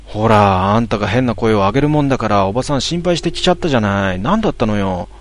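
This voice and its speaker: A man's voice: on the low side, expressive, quick pace, natural voice. A man voicing an impatient young woman who brushes off her friend's fears. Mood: impatient scolding. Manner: impatient, scolding. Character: brisk, dismissive young woman traveler.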